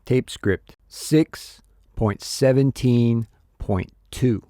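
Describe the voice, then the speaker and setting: A man reading a textbook story slowly and expressively as the audio narrator, in a dry, close studio recording. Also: mid-range voice, dark tone, dry recording. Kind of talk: scripted narration.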